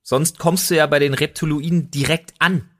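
A young man on a podcast, ranting deadpan in mock earnest about wild conspiracies in casual chat. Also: a little high, normal speed. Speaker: podcast host.

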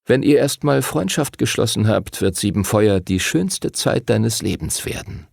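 A man's voice: on the low side, lively intonation, unhurried, gravelly, darkish tone, no echo, studio quality, heavily acted. A man voicing an eager, reassuring young man in an audiobook, speaking with enthusiasm. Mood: earnest. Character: eager young male graduate, excitable and reassuring. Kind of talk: audiobook character voice.

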